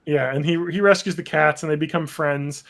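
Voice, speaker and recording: Gravelly, rambling podcast co-host man. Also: fairly high pitch, fairly even intonation, fairly quick, fairly bright tone. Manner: rambling, swears freely, laughs often. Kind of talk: casual chat.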